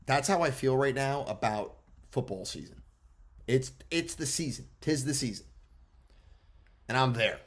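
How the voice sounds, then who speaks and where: Young male podcast co-host, middle pitch, blunt and excitable, casual swearing. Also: unhurried, pauses often. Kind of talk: casual sports chat.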